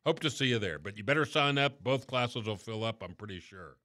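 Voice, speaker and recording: A chatty middle-aged man hosting a radio show, his voice bright and forward. He talks casually and lets sentences fade at the ends. The sound is close and dry. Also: on the low side, brisk, no room sound. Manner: chatty, relaxed, trailing off at phrase ends. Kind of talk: casual radio talk and interview.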